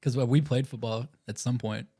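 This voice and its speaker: A man with a slightly husky voice making jokes in a casual podcast chat. He laughs often between remarks. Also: mid-range voice, steady tone, fairly quick, mellow.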